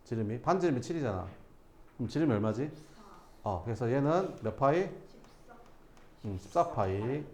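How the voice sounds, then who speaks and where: A man's voice: medium pitch, animated, moderate pace, pauses often, darkish tone, reverberant. A male math teacher giving a classroom lesson, casually questioning students and answering himself.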